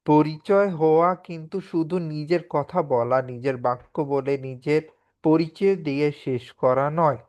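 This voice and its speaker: A man's voice: on the high side, a little mellow. A man with a Bangladeshi accent teaching a spoken English lesson in an online class, explaining patiently and often checking with the students.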